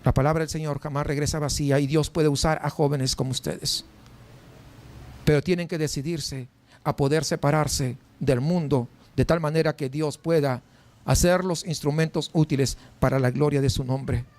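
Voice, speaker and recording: A man's voice: on the high side, moderate pace. A male pastor, preaching a sermon in a conversational, storytelling way, full of rhetorical questions to the congregation. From Mexico. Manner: conversational, animated storytelling with many rhetorical questions and filler words.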